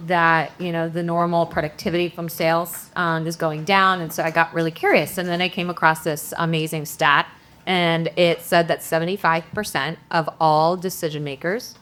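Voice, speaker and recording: A woman's voice: low voice, fairly even intonation, normal speed, fairly bright tone. A woman in her thirties, originally from Ukraine, speaking as a company CEO on a conference panel, upbeat, with joking asides and frequent ums.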